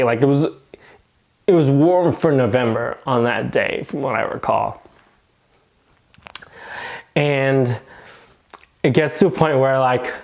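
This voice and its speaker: A man tells a story casually, filling his sentences with "like". His voice sits at an ordinary pitch. He tells it in an animated way, as a nurse recounting something that happened to him. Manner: animated retelling, heavy use of "like".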